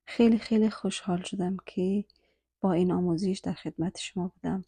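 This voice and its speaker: A woman leads a language lesson in a low, mellow voice. She speaks each English phrase twice, slowly and deliberately, and some repeats drop to a whisper. The sound is close and dry, with no room around it. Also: fairly even intonation, husky, no room sound. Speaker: English teacher.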